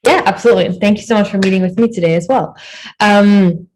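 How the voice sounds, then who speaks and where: A woman's voice: mid-range voice, fast talker, a little mellow, low-quality recording. A woman in her thirties from Belgium, with a Belgian accent, talking earnestly at length as a guest in a casual interview over a video call. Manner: earnest, long rambling answers. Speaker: guest, new fashion designer.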